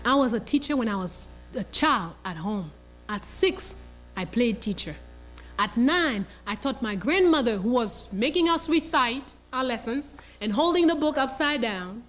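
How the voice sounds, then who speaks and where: Passionate high-voiced woman teacher. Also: expressive, a little slow, low-quality recording. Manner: passionate, emphatic, acts out quotes. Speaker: history teacher. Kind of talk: lecture storytelling.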